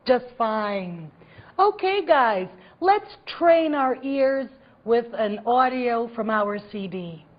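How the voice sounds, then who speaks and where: A woman hosts a language lesson, speaking slowly in a lively, sing-song classroom tone. Her voice sits fairly high. The sound is muffled and lo-fi. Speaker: course host. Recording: dull lo-fi recording.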